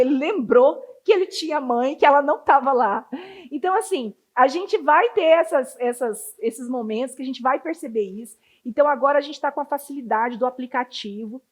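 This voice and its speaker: A woman giving a casual training talk to children's ministry volunteers, chatty and full of anecdotes. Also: high voice. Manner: chatty, storytelling, acts out children's voices.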